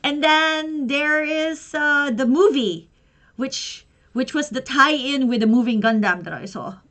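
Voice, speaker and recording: A woman's voice: high-pitched, slow, fairly bright tone. Chatty giggly young woman streaming. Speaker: livestreamer and pro wrestler. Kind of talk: casual livestream unboxing chat.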